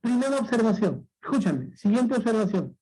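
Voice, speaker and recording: A man's voice: sits high, sing-song, moderate pace, mellow, breathy edge, low-quality recording. A man teaching an exam-prep language lesson, patient and repetitive, often checking that the student understood.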